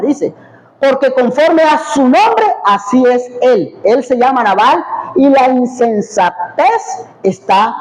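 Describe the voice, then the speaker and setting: A man's voice: very high-pitched, long reverb tail, low-quality recording. A male pastor giving a teaching sermon, asking the congregation questions and answering them himself.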